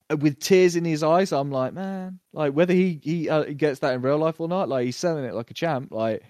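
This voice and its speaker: A podcast co-host talks through a TV series in a casual review chat, full of fillers and quick bursts of acted-out lines. He's animated, slipping into brief character voices when retelling scenes. His mid-range voice sounds dry and close, with no room echo around it.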